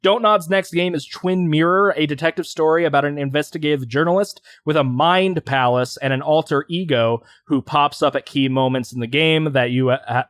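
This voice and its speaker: A man's voice: mid-range voice, fairly bright tone, dry recording. Male podcast co-host, mid-range voice, rambling casual delivery, dry close sound. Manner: rambling, hesitant, many fillers and restarts.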